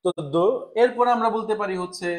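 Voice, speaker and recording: A man with a fairly high voice leads a live online language lesson. He works through French numbers one sound at a time and repeats each word with care so learners can follow. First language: Bengali. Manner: slow, syllable-by-syllable pronunciation drills. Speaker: French teacher.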